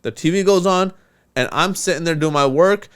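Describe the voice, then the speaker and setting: A man spins a story in casual podcast talk. He swears often and acts out the voices of the people in his tale. His voice sits fairly high for a man. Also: normal speed, smooth. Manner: animated, profane, acts out quoted voices. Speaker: podcast co-host.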